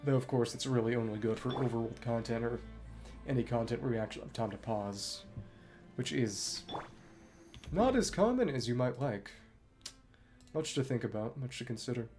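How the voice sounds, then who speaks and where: With game music playing behind him, this man streams a video game and muses aloud in a wry, understated way as live commentary. His mid-range voice is animated and a little mellow, at normal speed but with long pauses.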